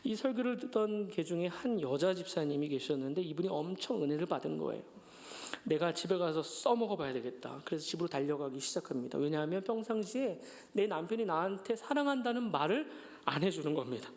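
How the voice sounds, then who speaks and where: A male pastor with a notably high voice preaches to his congregation. He tells everyday stories and acts out the lines of the people in them, with light humor along the way. It sounds like a church sermon. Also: animated, fast. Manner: storytelling with acted-out quotes and gentle humor. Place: church sanctuary.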